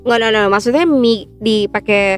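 A woman's voice: a little high, moderate pace, smooth, soft background music. A woman with a Jakarta Indonesian accent and a lisp on her r sounds, chatting and bantering casually as a podcast co-host. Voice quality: soft, lisped r sounds.

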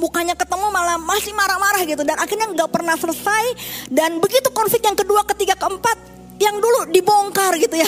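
A middle-aged woman pastor giving a sermon in a candid, conversational way, mixing in English phrases. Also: very high voice.

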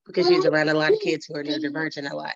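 A woman's voice: sits low, fairly even intonation, very fast, muffled recording, a crowd in the background. A woman in her thirties, chatting on a video call as a mother telling her story, rambling with many fillers and restarts. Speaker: guest, mother. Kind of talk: casual video call chat.

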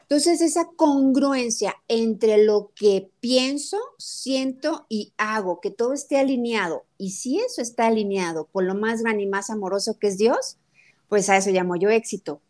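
A middle-aged woman with a Mexican Spanish accent, speaking in a fairly high voice. She talks in a lively, conversational way and acts out quoted lines as she tells her stories. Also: moderate pace. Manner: animated storytelling, acts out quotes of her daughter. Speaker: guest nutrition speaker. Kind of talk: conversational talk interview.

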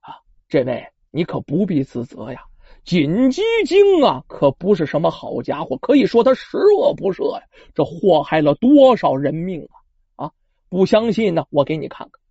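A storyteller voicing a captive centipede king spirit, speaking low and hushed, in a storytelling performance, on a dull lo-fi recording. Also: expressive, moderate pace, vocal fry, slightly rough, no room sound, full character voice. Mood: calm. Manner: hushed, low whisper-like pleading.

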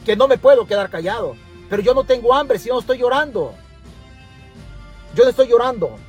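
A man's voice: very high-pitched, lively intonation, a little fast, faint music behind. A Salvadoran man ranting passionately from his car during a livestream, repeating himself for emphasis. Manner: impassioned, repetitive, preachy. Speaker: political commentator. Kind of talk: livestream rant.

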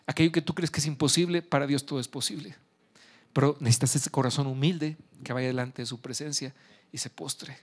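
A man's voice: mid-range voice, steady tone, a little fast, breathy edge. A man, a pastor preaching a sermon, encouraging and speaking directly to the listener.

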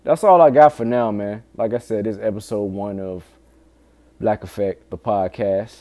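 A fairly low-voiced man talks at a normal pace with a warm tone, hosting a solo podcast. He's casual and candid, swears often, and earnestly pleads with listeners through urgent warnings.

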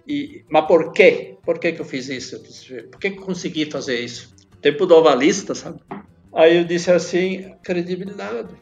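An older man talks in a high voice as a podcast guest. He rambles and acts out the dialogue he quotes. The audio is dull and lo-fi, with faint music underneath. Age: 70s. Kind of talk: casual storytelling.

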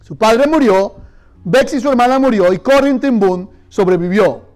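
A male pastor delivers a sermon in a strikingly high voice. He tells stories and speaks directly to his church, leading them in call-and-response. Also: moderate pace, a little mellow. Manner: leads the congregation in call-and-response; storytelling, addressing the church directly.

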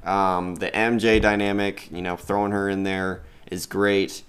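Low smooth-voiced guy reviewing movies. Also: level tone, measured pace, a bit bright. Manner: rambling, enthusiastic, swears freely. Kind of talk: casual ranking vlog.

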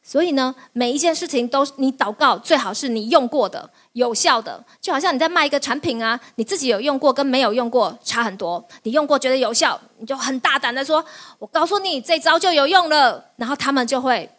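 A woman pastor preaching in a high, bright-sounding voice. She keeps the sermon lively, laughing often as she teaches. She tosses quick questions to her listeners and answers them herself.

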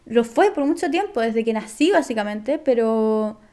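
Young Chilean woman, casual podcast guest, high-pitched, rambling slangy delivery. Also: expressive, moderate pace, warm tone. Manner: rambling, heavy slang, fillers. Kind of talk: casual chat.

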